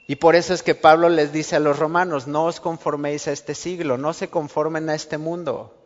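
A man preaches a sermon. He keeps it conversational and acts out little everyday exchanges. The sound is muffled and carries a long church-hall reverb. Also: on the high side. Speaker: pastor.

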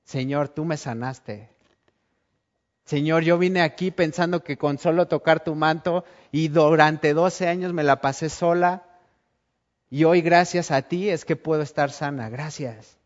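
A humble, trembling woman gives quiet, slow thanks, as a man preaching puts her on. The voice sits fairly high and soft. The sound is dull and lo-fi. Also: steady tone, close to an everyday voice. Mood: grateful, hushed. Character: trembling, grateful healed woman. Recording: dull lo-fi recording.

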